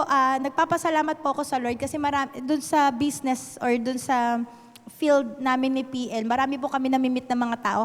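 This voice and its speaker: A woman's voice: high voice, in a large hall. A young Filipino woman preaching a casual Taglish sermon, often asking "di ba?" and laughing lightly.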